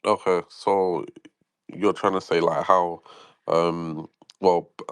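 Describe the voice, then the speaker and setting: A man's voice: low-pitched, level tone, takes it slowly, smooth, no room sound. A man calling into an audio chat, asking curious questions hesitantly with lots of fillers. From London, England. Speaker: caller in an audio chat room. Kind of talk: casual chat.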